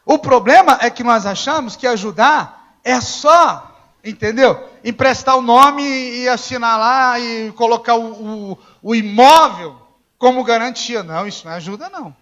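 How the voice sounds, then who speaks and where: A man preaching a sermon as pastor, telling stories in a conversational way, acting out the dialogue and now and then rising to a shout. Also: extremely high pitch, measured pace. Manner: conversational storytelling, acts out dialogue, rises to shouting. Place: church. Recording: dull lo-fi church recording.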